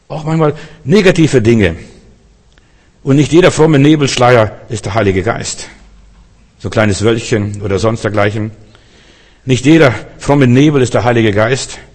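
A man preaching a sermon with a steady mid-range voice, talking to each listener directly and acting out the lines he quotes. His voice carries a long reverb, like a large hall. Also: mid-range voice.

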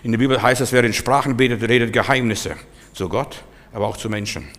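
Older guy preaching, goes quiet then loud and forceful, middle pitch, long echo like a big hall. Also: a little fast. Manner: swings between soft, low asides and loud, forceful commands. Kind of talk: charismatic sermon.

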